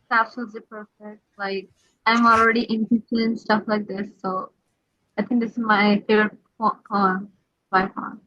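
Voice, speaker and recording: A woman's voice: mid-range voice, flat delivery, normal speed, no echo, dull audio. A woman gushing enthusiastic praise for a poem reading in casual chat.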